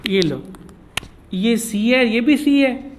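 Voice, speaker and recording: A man's voice: extremely high pitch, animated, slow, slight background noise. A man giving a chatty classroom lecture, teasing his students and mixing in English terms. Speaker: teacher.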